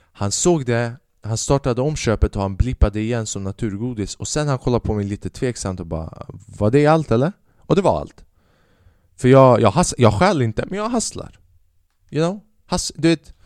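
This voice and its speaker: In a loose, comedic storytelling monologue, a man hosting a podcast swears freely, rambles, and voices the characters he quotes. The mid-range, slightly mellow voice comes through at studio quality with no room sound.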